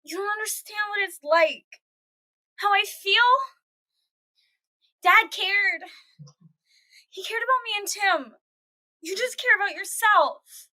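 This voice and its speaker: A woman's voice: very high-pitched, slow, pauses often, sharp tone, full character voice, poor audio. A young woman playing a shy, hurt teenage girl. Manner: mumbling, then hurt and resentful.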